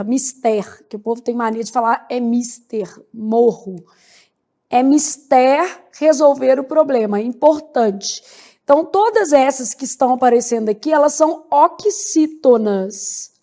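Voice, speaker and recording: A woman teaching a grammar lesson, drawing out each example word slowly and checking in with "né?" and "beleza?". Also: sits high, dark tone. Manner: slow, spells out words syllable by syllable, frequent "né?" and "beleza?". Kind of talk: grammar lecture.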